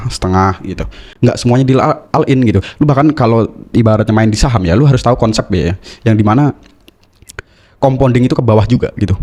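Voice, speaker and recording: A man's voice: mid-range voice, a little mellow. A man from Indonesia giving a blunt, scolding casual monologue about money as a YouTuber, tagging his lines with filler words. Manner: blunt, scolding, slangy, tags lines with "gitu". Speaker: finance YouTuber.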